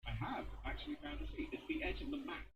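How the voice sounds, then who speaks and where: A man chatting excitably and rambling through explanations while playing a co-op game. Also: very high voice, fast, creaky, lo-fi sound, crowd noise. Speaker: co-op game streamer. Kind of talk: casual gaming chat.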